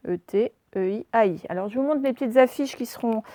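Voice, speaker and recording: A woman primary school teacher records a phonics lesson for young pupils, speaking slowly and spelling out letters and words at a whiteboard. Her voice is on the high side and warm, picked up dry by her own camera's microphone in the room.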